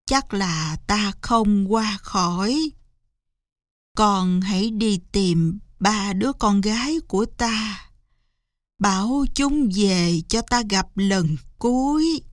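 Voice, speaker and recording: A woman's voice: medium pitch, no room sound, clean studio sound, natural voice. A woman voicing a frail dying old mother who speaks weak and faint in a storybook tale. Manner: weak, faint, slow whisper-like speech.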